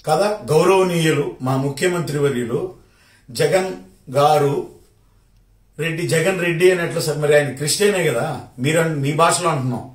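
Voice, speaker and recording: A man's voice: fairly high pitch, normal speed, pauses often, roomy sound, recorded from a distance. A man from Kadapa with a Rayalaseema Telugu accent, firing sarcastic rhetorical questions at a minister in a confrontational political rant. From Kadapa district, Rayalaseema, India. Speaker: party supporter.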